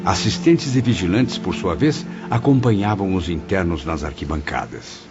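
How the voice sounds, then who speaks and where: Speaking at a moderate pace with a deep voice and lively intonation, a man performs the role of a dignified deceased memoirist looking back on the afterlife. The scripted first-person narration is formal, descriptive and reflective in mood. Clear background music sits under dull, lo-fi audio.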